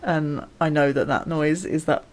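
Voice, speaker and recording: Co-hosting a podcast, this woman speaks at normal speed in a low voice with fairly even intonation. The chat is casual, with frequent agreement and easy laughter.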